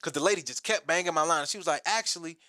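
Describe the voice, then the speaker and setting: Man, late 20s, slightly high pitch, animated storytelling guest. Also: rapid-fire, no room sound, studio quality. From Detroit, Michigan. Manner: animated, acts out quotes, profane. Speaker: guest comedian. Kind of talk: casual storytelling interview.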